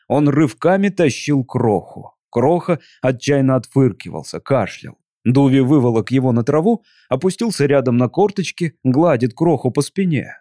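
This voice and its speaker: A man narrating a storybook in an even, measured way. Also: mid-range voice, no echo, clean studio sound. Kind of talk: audiobook reading.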